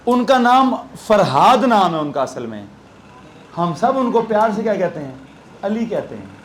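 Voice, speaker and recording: Male physics teacher, Pakistani Urdu accent, high voice, chatty, quizzes his class with playful asides, faint room ambience. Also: very animated, a little slow, a little hiss or hum. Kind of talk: classroom lecture.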